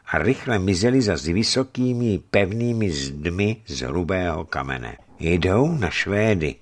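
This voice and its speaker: A man narrating a novel as an audiobook, telling it in a dramatic, expressive way. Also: low-pitched.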